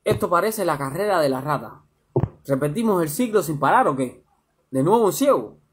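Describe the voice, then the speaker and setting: A man's voice: fairly high pitch, lively intonation, normal speed, slightly rough. A man voicing his joking young road-trip friend, wry and bantering.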